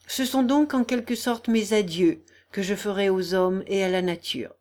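A woman reading an audiobook, voicing a dying young man who speaks quietly, hoarse and weary. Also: mid-range voice, normal speed, natural voice. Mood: soft, weary. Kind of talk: audiobook character voice.

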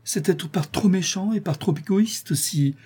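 A man reading an audiobook, voicing a frank, cheerful young woman who pleads lovingly, pitching his voice higher. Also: normal speed, mellow, husky. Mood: pleading.

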